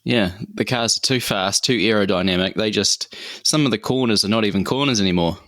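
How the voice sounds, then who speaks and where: A man with a low voice joins a casual podcast chat. He is laid-back and chuckles his way through quick quips. The sound is dry and close. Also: a bit bright, no echo. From New Zealand. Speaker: podcast co-host.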